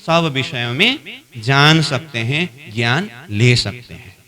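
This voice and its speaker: Leading a spiritual training class, this man talks slowly in a mid-range voice with big swings in pitch. He restates his points and quizzes the class. When he performs both sides of an argument, his volume climbs as the dialogue heats up.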